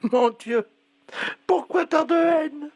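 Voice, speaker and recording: A man's voice: extremely high pitch, slow pace, darkish tone, no echo, lo-fi sound. A man playing a muddled, hard-of-hearing old woman with a hearing aid on a prank call, mishearing everything in a fussy, plaintive way. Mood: confused.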